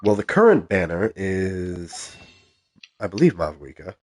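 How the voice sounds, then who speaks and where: Over a noisy background, a live-streaming gamer speaks in a low, sing-song voice at a measured pace. He's soft-spoken and stuffed up with a cold, casually reading the game's menus aloud with lots of ums.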